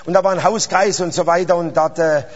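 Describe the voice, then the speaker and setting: A man's voice: sits high, steady tone, brisk. A man preaching a sermon into a handheld mic in a church hall, rambling through stories, then rising to fervent exclamations. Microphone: handheld microphone. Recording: dull echoey hall.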